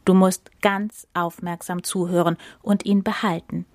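Stern slow lion king, read by a woman, storybook voice, dry sound. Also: fairly low pitch, little pitch movement, darkish tone, no echo. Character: proud old male lion king.

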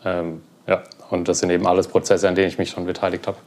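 A young man being interviewed, talking relaxed about his work with many fillers. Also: low-pitched, fast. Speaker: guest, cloud platform engineer. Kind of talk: casual interview.

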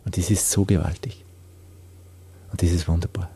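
Husky-voiced man, earnest testimony. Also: low voice, fairly even intonation, moderate pace, no echo. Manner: earnest, drops into soft whispers when moved. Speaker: believer giving testimony. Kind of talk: personal faith testimony.

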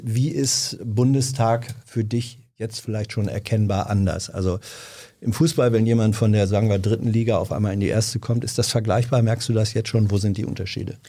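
A man's voice: on the low side, steady tone, a little fast, dark tone. A man hosting a podcast interview, asking questions in a joking, self-correcting way. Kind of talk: casual interview chat.

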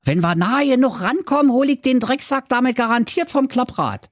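A man voicing a loud, proud little male dwarf agent in a radio comedy story. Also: extremely high pitch, animated, moderate pace, no echo, studio quality, pitched above the performer's own voice. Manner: shouty, proud.

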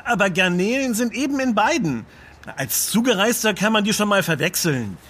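A man's voice: high voice, lively intonation, normal speed, fairly bright tone, breathy edge, exaggerated voice. An actor playing an always-hungry, playful young man in a radio play who makes a drama of his appetite. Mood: explaining. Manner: playful, dramatic, food-obsessed.

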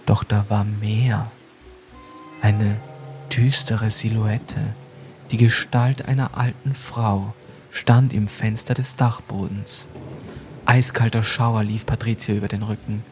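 A man's voice: lowish voice, fairly even intonation, takes it slowly. Man narrating a ghost story over faint music. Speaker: podcast narrator.

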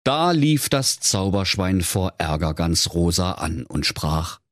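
A man's voice: sits low, very animated, slow, no room sound, studio quality. A middle-aged man with a Saxon accent narrating a comic fairy tale playfully for children. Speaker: storyteller.

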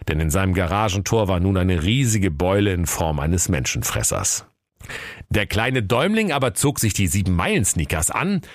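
A man's voice: low-pitched, no room sound, clean studio sound. A man narrating a comic fairy tale in a playful storyteller's voice, addressing children.

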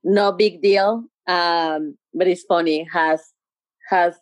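A Mexican woman with a Mexican accent, a Spanish speaker chatting as a podcast guest, halting as she searches for English words. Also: on the low side, steady tone, no room sound. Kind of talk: casual chat.

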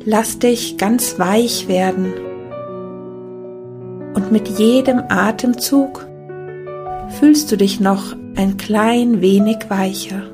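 A woman leading a guided meditation in a soft, calming, unhurried manner. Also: medium pitch. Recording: background music behind the voice. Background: meditation music.

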